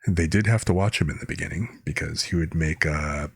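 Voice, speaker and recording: A man's voice: very deep voice, a little fast, gravelly, husky, dry recording. A man from the United States, a streamer, chatting casually and telling rambling anecdotes. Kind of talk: casual chat.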